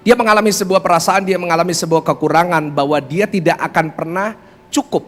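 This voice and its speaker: A man preaching a sermon to his congregation, animated and acting out the voices of the people in his story. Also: high voice, a little fast. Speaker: pastor. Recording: music bed, long hall reverb.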